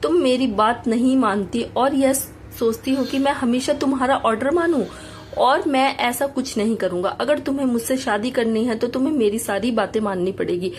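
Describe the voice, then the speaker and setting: A woman's voice: on the high side, moderate pace, close to an everyday voice. A woman voicing an exasperated young man who answers his girlfriend dryly and firmly.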